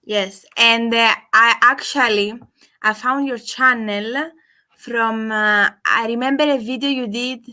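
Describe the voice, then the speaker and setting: A young Greek-speaking woman from Cyprus calls in for a casual chat in English, full of hesitant restarts and fillers. Her voice sits on the high side with fairly even intonation, slow and pushed and bright.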